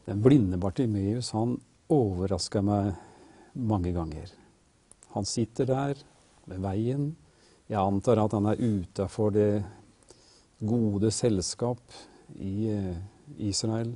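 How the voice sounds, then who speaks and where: A man's voice: on the low side, warm tone, husky, no echo. A male host leading a Bible discussion, reflective and leading the conversation.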